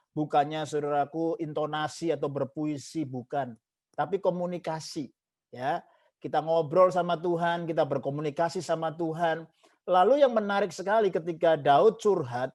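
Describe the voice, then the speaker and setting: High-voiced pastor preaching emphatically. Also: male voice, a little mellow. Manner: mixes English phrases into Indonesian, repeats "saudaraku" often; emphatic preaching with repeated parallel phrases. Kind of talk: sermon.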